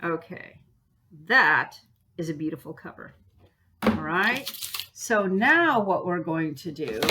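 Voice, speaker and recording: A woman with a fairly low voice, recorded against a noisy background, teaches bookbinding as an art teacher. She's chatty and encouraging, talking students through each step of the demonstration while humming and singing as she works.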